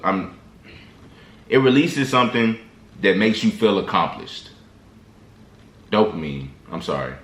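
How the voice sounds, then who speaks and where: This man's voice is low-pitched with a slightly bright quality. He rambles through casual motivational advice for his viewers, slangy and loose, with lots of restarts. The clip was recorded in an echoey room.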